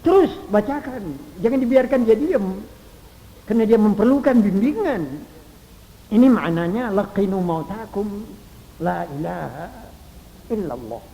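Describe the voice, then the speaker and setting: An older man preaching a Quran exegesis sermon, emphatic, swinging from loud stresses to hushed demonstrations. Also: high-pitched, animated, moderate pace, big-room sound, rough recording. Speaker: Islamic preacher.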